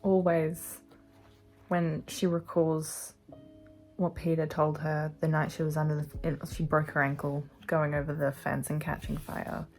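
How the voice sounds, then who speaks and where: A young woman recording a late-night reading vlog in her bedroom on her phone. She talks in a hushed, often half-whispered voice and gushes emotionally about the book. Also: low voice, completely flat delivery, moderate pace, soft background music, poor audio. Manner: gushing and emotional. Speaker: book vlogger.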